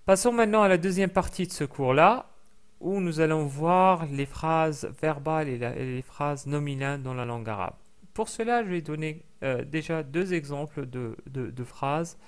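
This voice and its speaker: Man, language teacher, recorded lesson, patient explaining, fairly high voice, frequent fillers. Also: moderate pace, smooth. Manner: patient explaining with many fillers and repeated example sounds.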